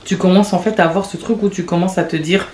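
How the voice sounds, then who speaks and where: A woman in her late twenties hosting a podcast, talking in a rambling, confessional way with quick restarts and laughs. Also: fairly low pitch, steady tone, darkish tone. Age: late 20s. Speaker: podcast host. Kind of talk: casual confessional monologue. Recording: echoey room with faint background noise.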